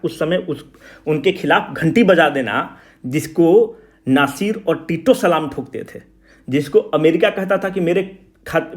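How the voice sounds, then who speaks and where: A man teaching an exam coaching class, speaking emphatically and repeating key phrases for students to note down. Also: on the high side. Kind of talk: classroom lecture, Hindi mixed with English.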